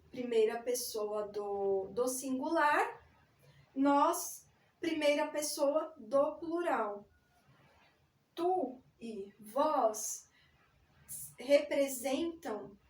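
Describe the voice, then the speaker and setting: A woman's voice: high-pitched, a little mellow, distant mic. A woman teaching a recorded grammar lesson, patiently explaining step by step and spelling words out. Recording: echoey room, voice a bit off-mic.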